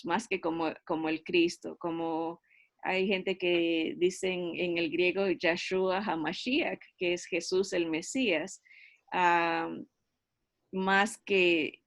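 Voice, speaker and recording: Middle-aged woman, Bible teacher, slow and patient, checks in with listeners through tag questions, dry close sound. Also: mid-range voice, no echo. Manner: unhurried, explanatory, frequent tag questions and hesitations.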